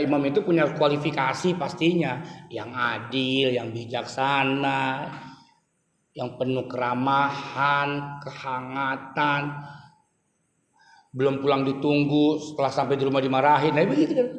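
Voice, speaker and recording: Middle-aged male preacher, high voice, playful and teasing, echoey hall. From Indonesia. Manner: playful, teasing the audience, sudden rises in pitch and volume. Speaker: Islamic preacher. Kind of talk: lively sermon to a congregation. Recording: echoey hall, faint noise.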